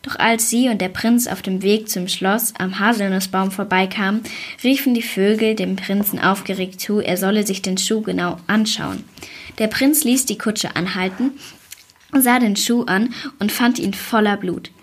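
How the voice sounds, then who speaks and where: A woman reads a fairy tale aloud at a calm, even pace. Her voice sits at an ordinary middle pitch for a woman, and she keeps the storytelling steady. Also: normal speed, husky.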